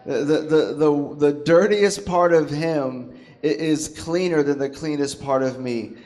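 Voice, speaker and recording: A man preaching a sermon in a church, talking in an animated, conversational and joking way as he acts out quotes. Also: a little high, measured pace. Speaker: pastor.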